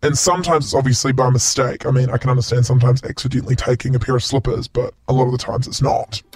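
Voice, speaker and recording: A man's voice: mid-range voice, fast, slightly rough. A man, a hotel worker speaking in a matter-of-fact way with his voice disguised by a voice changer to hide who he is. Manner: matter-of-fact, listing items calmly. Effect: voice disguised with a voice changer to hide identity. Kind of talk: pre-recorded anonymous statement.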